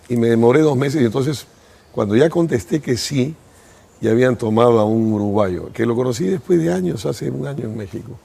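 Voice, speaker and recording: A man's voice: medium pitch, creaky, mellow, slightly rough. A man, an interview guest thoughtfully reminiscing about his life at length. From Peru. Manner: thoughtful, reminiscing, speaks in first person at length. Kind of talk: reflective interview storytelling.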